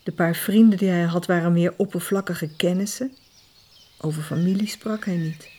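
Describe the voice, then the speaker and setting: A woman reading a novel aloud as narrator, calm and measured. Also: lowish voice. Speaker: audiobook narrator. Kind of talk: scripted narration.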